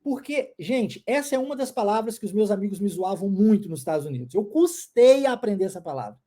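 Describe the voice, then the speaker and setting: A woman with a Minas Gerais Brazilian accent giving a chatty, playful English lesson and drilling words slowly. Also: mid-range voice, very animated, dark tone. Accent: Brazilian Portuguese, mineiro (Minas Gerais). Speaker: English teacher. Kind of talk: casual online English lesson.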